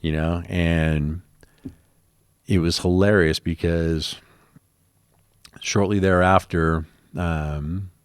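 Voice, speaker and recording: A man's voice: low voice, fairly even intonation, very slow, pauses often, clear, resonant tone, dry recording, studio quality. A man telling his personal story in an interview, rambling with many ums and acting out the conversations he quotes.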